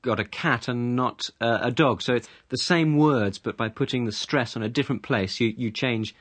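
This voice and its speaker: Guy hosting an english lesson show, mid pitch, dry studio sound, easy chatty questions. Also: normal speed, a bit bright, no room sound. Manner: conversational, asks questions. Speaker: presenter. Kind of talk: radio programme presenting.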